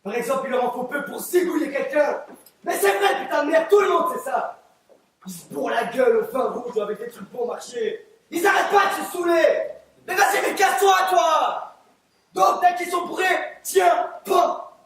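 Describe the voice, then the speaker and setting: A crude, bigoted juror who rants at everyone , acted by a teenage boy on a school stage. The voice sits very high for a man. It rings through an echoing theatre, heard from far back in the hall. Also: normal speed, fairly bright tone. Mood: ranting. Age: teens. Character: bigoted, hot-headed male juror. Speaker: student actor. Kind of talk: amateur stage play. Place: theatre stage, live performance. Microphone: distant room mic.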